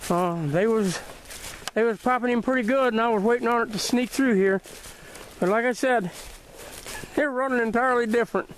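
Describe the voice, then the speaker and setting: Southern man, high voice, casual outdoor commentary. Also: normal speed, pauses often. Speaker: hunter filming a rabbit hunt. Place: outdoors in brushy woods. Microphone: handheld camera held by the speaker. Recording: outdoor handheld camera, faint noise.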